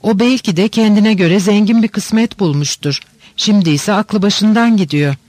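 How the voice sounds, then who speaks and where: A man reading the part of an older countess, a gentle and cautious mother who speaks in a calm, advising way. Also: high-pitched, normal speed, no room sound, close to an everyday voice. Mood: tender.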